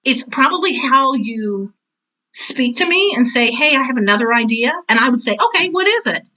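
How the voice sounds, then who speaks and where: Candid and conversational, a woman aged 60 or older who has taught theater for years gives blunt, animated stories as an interview guest, often quoting herself and acting out remarks. She has a high voice at normal speed, and the audio quality is poor.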